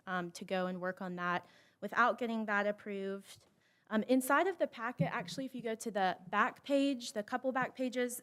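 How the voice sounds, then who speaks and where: Young woman, public hearing applicant, nervous and sincere, clear tone. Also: medium pitch, a bit bright. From Monroe, Georgia. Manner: nervous, earnest, many filler ums. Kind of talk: prepared public statement.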